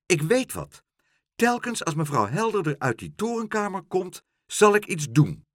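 Brief: man voicing a fat female pigeon, high and bouncy, eager to help. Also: moderate pace, no echo, clean studio sound. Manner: eager, excitable. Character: plump chatty female pigeon.

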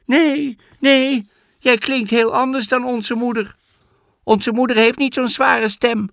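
A man doing shrill scared little goat kids. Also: a little slow, dry recording, clean studio sound. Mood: frightened. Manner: shrill frightened shouting.

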